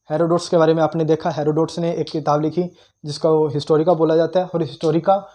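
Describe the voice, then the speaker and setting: A young male teacher giving a casual history lecture, repeating key terms and pausing with "uh" as he recalls names. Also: a little high, darkish tone. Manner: conversational, repeats key terms, frequent "uh" pauses while recalling.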